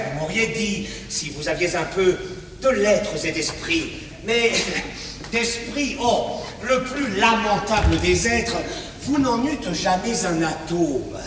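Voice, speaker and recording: An actor with a high-pitched voice declaims verse on a theatre stage as a proud, witty, swaggering swordsman, scornfully mocking an insult to his big nose in a hammy, exaggerated monologue. It's captured from afar with a distant mic in an echoey hall, so the stage recording is noisy.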